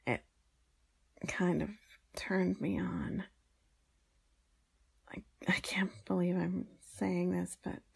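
Casting: woman to play adult woman as a grudging, teasing maid in intimate audio role-play; heavy vocal fry, husky, unhurried. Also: lowish voice, a little mellow, heavily acted. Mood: shy, seductive.

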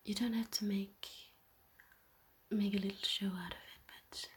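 A woman speaks in an intimate whispered role-play, playing a tender yet dominant lover. Her voice is very airy and husky, with little clear tone. She takes her time, in a gently teasing, soothing way, and keeps the melody fairly even. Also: medium pitch. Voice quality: breathy, airy. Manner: slow, breathy, intimate whispering with soft chuckles.

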